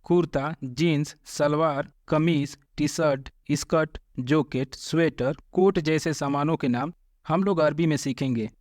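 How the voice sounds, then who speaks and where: A man teaching vocabulary, repeating each word slowly and addressing viewers as friends. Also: fairly high pitch, darkish tone, no room sound, studio quality. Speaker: Arabic language teacher. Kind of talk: vocabulary lesson.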